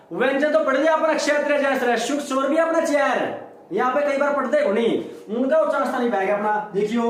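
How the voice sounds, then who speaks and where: Man teaching in an echoey room. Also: very high voice. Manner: repeating sounds, asking and answering his own questions. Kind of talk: classroom lecture. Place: classroom.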